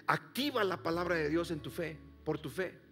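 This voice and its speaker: A pastor preaches to his congregation in a fairly high voice, rising to loud calls and dropping to hushed near-whispers. He keeps pressing the listeners with direct questions, and soft music plays faintly behind him. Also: animated, normal speed. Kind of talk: sermon. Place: church service before a congregation.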